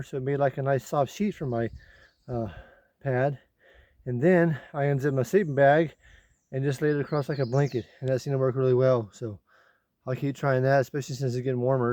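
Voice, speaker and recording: Male hiker vlogger, casual rambling recap, warm dark tone, dry. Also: mid-range voice, no room sound. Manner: plain rambling recap with fillers. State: out of breath while climbing. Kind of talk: casual video diary. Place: inside a tent at night; outdoors on a mountain trail.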